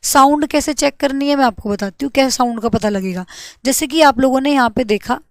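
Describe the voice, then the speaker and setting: Repetitive, high-voiced woman teacher. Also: dry recording. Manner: repetitive, asks and answers own questions, spells letters slowly. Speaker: English grammar teacher. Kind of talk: classroom lesson for exam students.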